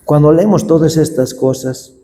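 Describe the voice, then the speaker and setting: Male pastor, warm low-bright tone, unhurried sermon reading, long reverb of a church hall. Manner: slow, deliberate scripture reading.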